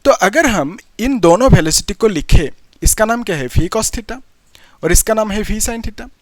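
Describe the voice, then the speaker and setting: A young man walks students through a physics lesson, asking questions and checking in after every step. His voice sits high and swings widely in pitch. The sound is dry and close, with no room echo. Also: lively intonation, a little slow. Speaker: physics teacher.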